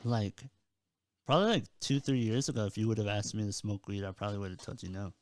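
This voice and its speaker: A man's voice: lowish voice, fast, a little mellow, no echo. A young man co-hosting a podcast, chatting in an easygoing way and laughing often. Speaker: podcast co-host. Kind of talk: casual chat.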